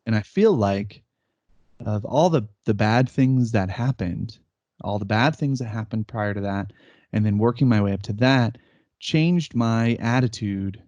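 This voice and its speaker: A man's voice: fairly low pitch, a little slow, a little mellow, no room sound, lo-fi sound. A man in his thirties co-hosting a podcast, telling stories in casual chat and laughing often as he acts out quotes. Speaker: podcast co-host. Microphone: remote call setup.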